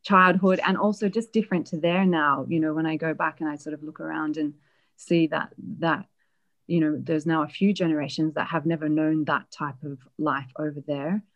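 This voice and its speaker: A woman being interviewed, reflectively telling a personal family story with many pauses and fillers. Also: sits low, steady tone. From Australia. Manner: reflective, hesitant with frequent fillers.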